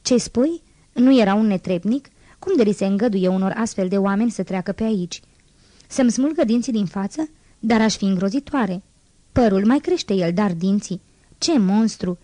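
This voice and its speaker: A woman's voice: mid-range voice, animated, dark tone, no room sound, close to an everyday voice. A woman voicing a poor, proud young seamstress and mother, agitated and bitter, in an audiobook reading. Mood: indignant.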